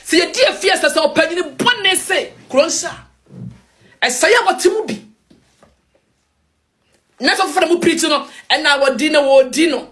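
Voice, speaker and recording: A woman's voice: high-pitched, measured pace, pauses often, a bit bright. A woman with a Ghanaian accent giving an emphatic opinion rant as an online commentator, switching between English and Twi.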